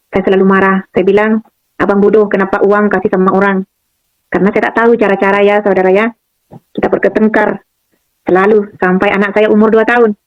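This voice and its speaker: A woman's voice: medium pitch, no echo, highs cut off. A woman from Madura giving a personal faith testimony, telling her story and often turning to listeners as "saudara". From Madura, Indonesia. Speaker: testimony speaker.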